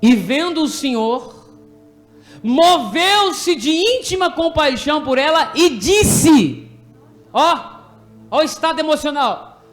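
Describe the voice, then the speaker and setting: A man with a Brazilian Portuguese accent preaching an animated, jokey sermon in a church, directing people from the pulpit to act out a story. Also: extremely high pitch, slow, pauses often, soft background music. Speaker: pastor. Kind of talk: lively sermon with congregation re-enactment.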